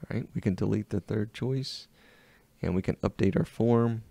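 Man, Southern US accent, web design tutorial narration, unhurried step-by-step, dark mellow tone, dry close sound. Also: fairly low pitch, vocal fry, no echo. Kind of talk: screen-recorded software tutorial.

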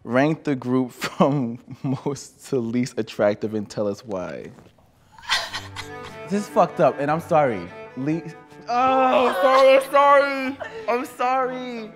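Brash, lively young man from New York. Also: on the high side, takes it slowly, music in the background. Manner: talkative, brash and joking. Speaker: contestant. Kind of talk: casual game-show banter.

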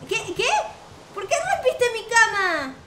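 A young woman with a Rioplatense Spanish accent chats expressively and asks lots of questions while roleplaying through a video game in improvised fashion. Her voice is extremely high and slow, captured in an echoey room with slight background noise and music.

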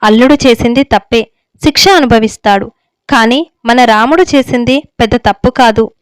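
A woman's voice: a little high, moderate pace, no room sound, natural voice. A woman reading the lines of an anxious older mother who pleads with her husband for her son. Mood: pleading. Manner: pleading, tearful. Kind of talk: story reading.

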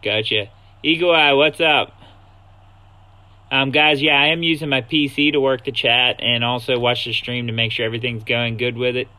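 A man's voice: mid-range voice, fairly even intonation, a little fast, hardly any pauses, pushed and bright. A man streaming a game, talking into his phone mic in a laid-back way and greeting viewers in chat. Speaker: gaming streamer. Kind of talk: casual gaming stream chat.

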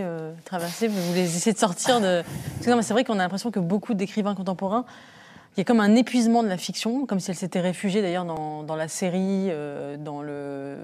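A woman with a fairly low voice who moderates a panel discussion. She asks long, winding questions and pauses often to find her words. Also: darkish tone. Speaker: host.

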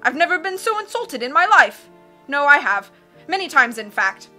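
A woman voicing a blustering, excitable male submarine captain from a storybook, roaring and constantly changing his mind. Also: high voice, faint music behind, voice pushed up, heavily acted. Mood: indignant. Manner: roaring, self-contradicting, rapid changes of mind.

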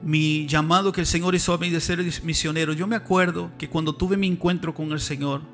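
High, bright-voiced fervent male preacher. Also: fairly even intonation, a little fast. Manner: fervent, rising to loud emphatic preaching. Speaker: preacher, missionary. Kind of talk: sermon. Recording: faint music behind. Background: faint music.

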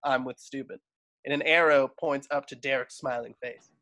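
This man's voice is medium-pitched and sharp, with fairly even intonation and a moderate pace. He reads stage directions expressively during a screenplay table read, calling in by video from indoors at home on the call's microphone.

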